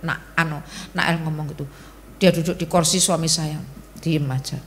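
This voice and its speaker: A woman's voice: low-pitched, fairly even intonation, moderate pace, slight background noise. A middle-aged woman, preaching to a women's church service in a conversational, storytelling way. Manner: conversational storytelling, Javanese-tinged Indonesian. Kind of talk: sermon.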